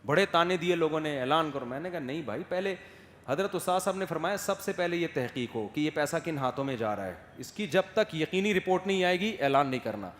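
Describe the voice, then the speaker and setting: A man giving a sermon, lively, firing rhetorical questions at his listeners and acting out soft and loud voices. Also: fairly high pitch, slight background noise. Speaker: religious scholar giving a sermon. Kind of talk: Urdu sermon. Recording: echoey hall with faint ambience.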